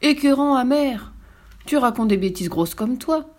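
A woman's voice: mid-range voice, fairly quick, darkish tone, lightly acted. A woman voicing a greedy, boastful huge male crocodile in a read-aloud storybook. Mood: gloating. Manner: gloating, boastful.

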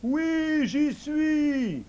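A man voicing an invisible male servant spirit in a storybook, speaking high and excited with devotion. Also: drawn-out words, highs cut off, heavily acted. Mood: eager.

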